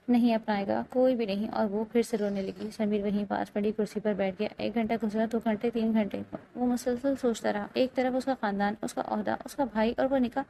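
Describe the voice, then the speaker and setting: Woman reading a novel audiobook style, steady and dramatic, gravelly voice, soft tone. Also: a little high, slight background noise, low-quality recording. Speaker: novel narrator. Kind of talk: scripted audiobook narration.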